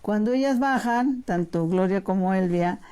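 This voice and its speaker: A middle-aged woman telling a faith testimony to her listeners, addressing them as brothers and shifting between lively rising emphasis and hushed, near-whispered passages. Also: mid-range voice, moderate pace, smooth. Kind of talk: testimony sermon.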